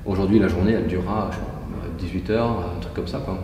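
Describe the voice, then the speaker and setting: The guest, a forty-something gym entrepreneur, talks through his routine methodically in a casual interview. His warm voice sits low with fairly even intonation and a quick pace. Captured from afar in a large echoing gym hall, the audio has a slight hiss or hum.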